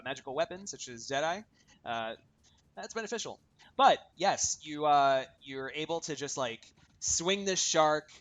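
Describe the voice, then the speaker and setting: A man's voice: medium pitch, a bit bright, slight background noise. A man narrating as game master in a casual tabletop session, chatty and full of fillers. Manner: chatty, many fillers, laughing at himself.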